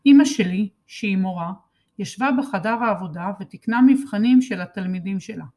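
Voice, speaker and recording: Woman reading a kids book out loud, lively and expressive, medium pitch. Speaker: storybook reader. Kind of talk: first-person children's book narration.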